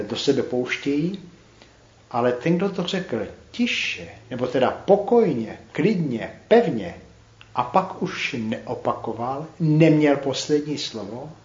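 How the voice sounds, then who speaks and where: A man leading a group Bible study, talking reflectively and pausing to put questions to the group. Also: fairly high pitch. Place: room with a small group. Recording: roomy, dull recording with faint clicks.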